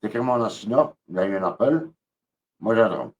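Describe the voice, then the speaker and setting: A man's voice: fairly low pitch, lively intonation, fast, darkish tone, recorded from a distance, highs cut off, slight background noise. Agitated man ranting on a live stream. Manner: agitated, repetitive, many hesitations. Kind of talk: angry live-stream rant.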